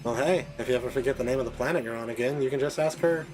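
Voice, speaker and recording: A man's voice: mid-range voice, very fast, music in the background, lightly acted, poor audio. A man voicing a haughty, impatient villain queen in dialogue read aloud from a video game. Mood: imperious, impatient.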